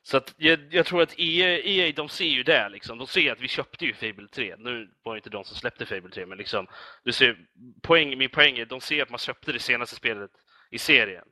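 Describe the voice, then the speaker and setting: Podcast guest, male, very bright dry voice, rambling and full of fillers. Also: mid-range voice, no room sound. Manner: rambling, many fillers and restarts. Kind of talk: casual chat.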